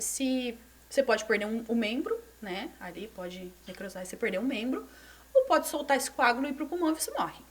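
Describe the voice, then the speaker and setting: A woman in her thirties from Brazil, a former gymnast telling her story as a podcast guest, animated and repeating words for emphasis. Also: a little high. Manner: animated, repeats words for emphasis, drops to near whisper at moments. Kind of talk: conversational storytelling. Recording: voice somewhat distant from the mic.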